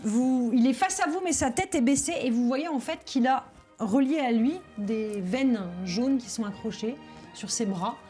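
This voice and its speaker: Woman game master narrating over soft music. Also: fairly high pitch, moderate pace. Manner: hesitant, searching for words, descriptive. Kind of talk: improvised tabletop game narration.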